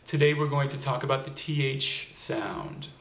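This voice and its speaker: A man giving a video blog lesson on pronunciation, modeling example words slowly and clearly. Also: mid-range voice, fairly bright tone, reverberant. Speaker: accent reduction coach.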